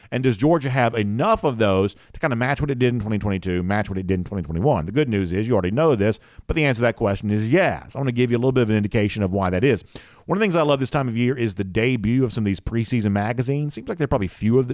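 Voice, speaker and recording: A man's voice: medium pitch, darkish tone, no room sound, studio quality. A man hosting a solo sports podcast, talking conversationally with fillers and self-corrections. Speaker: podcast host.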